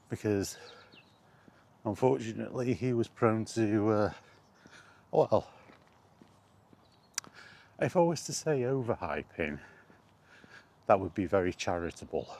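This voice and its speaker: Out on foot, walking to a park and then through it, a low-pitched man chats alone as a podcast host. He rambles in an understated, hesitant manner with frequent pauses, against constant outdoor ambience and background noise.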